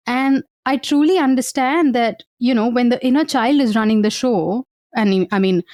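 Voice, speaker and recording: A woman speaking as a guest therapist, explaining reflectively in a halting, conversational way and often checking in with the listener. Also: on the high side, a little mellow, no echo, clean studio sound. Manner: thoughtful, halting, often checks in with "right?" and "you know".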